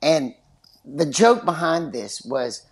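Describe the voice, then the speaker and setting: A man's voice: a little high, very animated, slow, slightly rough. An older man from West Texas with a West Texas twang, telling anecdotes as an interview guest. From West Texas, United States. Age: 60s or older. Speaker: podcast guest, retired divorce lawyer. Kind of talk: animated anecdotal interview talk.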